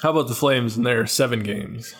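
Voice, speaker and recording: A man's voice: medium pitch, fairly quick, a bit bright, slightly rough. A man co-hosting a hockey podcast in casual chat, laughing often and riffing with mocking asides. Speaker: podcast co-host.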